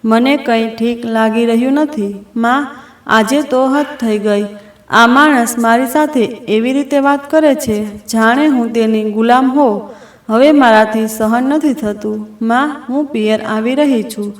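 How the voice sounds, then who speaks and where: A woman's voice: on the high side, a little slow, distant mic, natural voice. A woman voicing a resentful young married daughter who complains bitterly, in a roomy recording. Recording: roomy echo.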